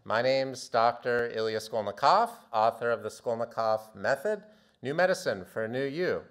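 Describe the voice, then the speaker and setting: A man in his fifties from the United States, a doctor telling a theatrical story from his youth in a talk, dropping low and quiet, then building to loud outbursts. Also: moderate pace. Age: 50s. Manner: animated, theatrical, swings from quiet to shouting. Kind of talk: storytelling presentation.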